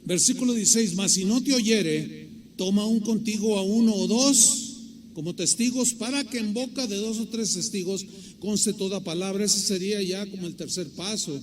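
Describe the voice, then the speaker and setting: A middle-aged man preaching a sermon as pastor, pressing hard on key words and then dropping to a quiet, low tone. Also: moderate pace. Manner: emphatic preaching, swinging between loud stresses and quiet asides.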